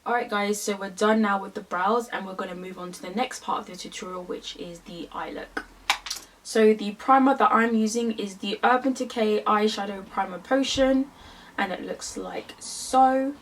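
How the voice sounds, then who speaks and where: A beauty vlogger in her twenties from London, England, chats casually through a makeup tutorial in a London English accent, with lots of fillers. Her voice is medium in pitch at a moderate pace, and she sounds far from the mic.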